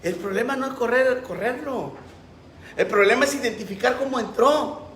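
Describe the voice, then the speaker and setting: A man's voice: very high-pitched, moderate pace, fairly bright tone, slight background noise. A pastor preaching a sermon with passion, acting out the voices he quotes. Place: church. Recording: roomy echo.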